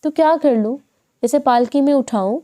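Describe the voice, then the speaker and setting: A woman voicing a stern, harried middle-aged mother who scolds her daughters in a sharp tone. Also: a little high, natural voice. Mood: scolding.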